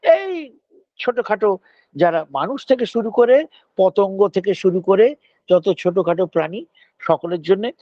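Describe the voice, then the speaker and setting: A male professor with a Bengali accent giving an animated classroom lecture, moving between Bengali and English and acting out little voices. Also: high voice, moderate pace, no echo, dull audio.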